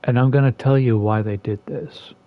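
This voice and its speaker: A gaming content creator rants sarcastically about a game as he plays it, his casual commentary full of exasperation. His pitch and loudness swing lively while he talks at a normal speed, and the sound has a phone-like quality.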